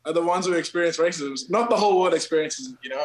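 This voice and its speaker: A man's voice: a little high, rapid-fire, echoey room, low-quality recording. A man from Kenya, a guest on a podcast, talking loosely in slang and calling everyone bro and man. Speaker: podcast guest, TikTok creator. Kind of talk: casual podcast chat.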